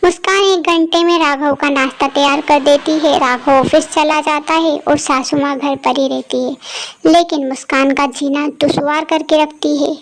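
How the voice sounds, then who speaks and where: A woman telling a cartoon moral story in steady scripted narration. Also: high-pitched, moderate pace, slight background noise.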